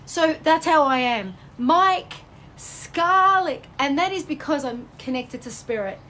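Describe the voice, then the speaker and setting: A woman hosting a live stream as a psychic medium, reading out viewer comments with bubbly, effusive energy that swings between high exclamations and low soothing tones. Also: lively intonation, measured pace, bright, forceful tone. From Australia.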